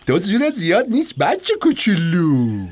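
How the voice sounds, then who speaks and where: A man's voice: huge pitch swings, very noisy. An actor voicing a big, jolly, teasing male bear in a cartoon dub, talking playfully and breaking into laughs. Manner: playful, teasing, laughing, swoops between growls and high squeals.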